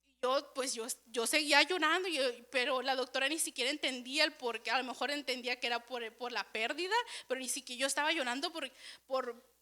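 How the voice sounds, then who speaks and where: A woman's voice: high-pitched, a little fast, bright, forceful tone. A young woman sharing an earnest, emotional personal testimony in church, often repeating and restarting her words. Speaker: church speaker.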